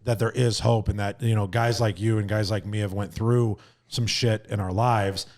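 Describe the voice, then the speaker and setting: Blunt, profane podcast host, low voice. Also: male voice, steady tone, moderate pace, darkish tone. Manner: blunt and profane, tags lines with "right?". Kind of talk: casual interview chat.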